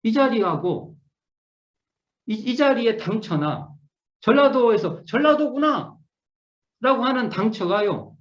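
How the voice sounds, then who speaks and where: Here a middle-aged Won Buddhist minister muses through an online scripture lesson, circling back to key words and starting sentences over. His high voice has lively intonation, and he goes a little slowly, leaving long pauses. Dull, lo-fi audio and room echo color the recording.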